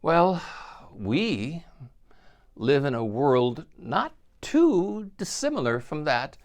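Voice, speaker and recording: Male priest, reflective homily, storytelling with a very lively, swinging pitch. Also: slow. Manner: animated storytelling, acts out quotes.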